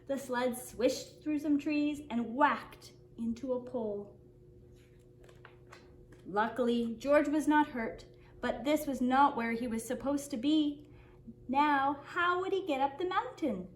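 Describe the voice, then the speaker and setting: A high-voiced woman reads a picture book to young children in a large, echoing room, with faint background noise. Like a kindergarten teacher at story time, she reads expressively and deliberately, never rushing.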